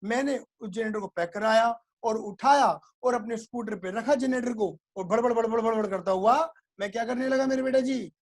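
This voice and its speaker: Male teacher, high voice, playful storytelling, sound effects, keeps checking it's clear. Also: moderate pace, hardly any pauses. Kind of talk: storytelling classroom lecture.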